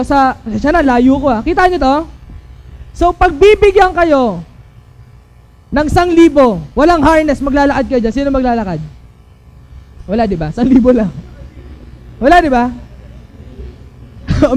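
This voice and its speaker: Guy from the philippines preaching to youth, high voice, jokey and keeps asking the crowd. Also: darkish tone, poor audio. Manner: playful, keeps asking the audience to agree. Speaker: youth speaker. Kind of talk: youth sermon.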